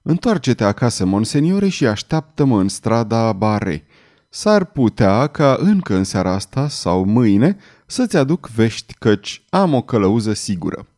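A man's voice: mid-range voice, very animated, a little mellow. A man reading an audiobook, voicing a brooding, vengeful swordsman with a stern, menacing delivery.

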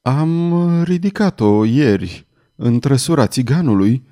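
A lovesick young nobleman in despair, as a male narrator plays him. His voice leaps high and wavers, near tears, swinging widely in pitch. The tone underneath stays dark and mellow. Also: sing-song. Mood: frightened.

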